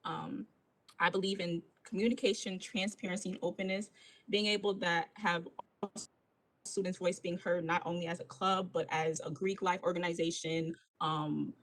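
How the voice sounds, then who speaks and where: A woman's voice: lowish voice, fairly even intonation, normal speed, rough recording. A young woman from Buffalo, New York, giving a hesitant student campaign speech full of ums. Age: young adult. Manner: hesitant, many fillers. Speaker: student candidate.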